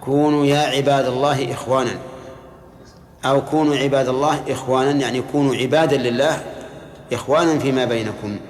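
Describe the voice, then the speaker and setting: A man's voice: medium pitch, fairly even intonation. Man teaching in echoey hall. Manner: measured, explanatory, quizzes students. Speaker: religious teacher. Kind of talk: lecture explaining hadith to students. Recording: echoey lecture hall, faint hum.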